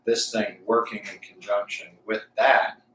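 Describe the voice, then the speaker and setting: A man live streaming casual, unscripted talk, thinking aloud haltingly as he tests a Bluetooth mic. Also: on the low side, flat delivery. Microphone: Bluetooth lapel mic. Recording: echoey, distant Bluetooth mic, faint noise.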